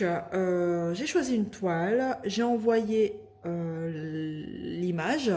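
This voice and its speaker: Slow, chatty Frenchwoman unboxing. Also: medium pitch, a little mellow. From northern France. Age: 30s. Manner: chatty, hesitant, many filler pauses. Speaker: diamond painting vlogger. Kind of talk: casual unboxing vlog.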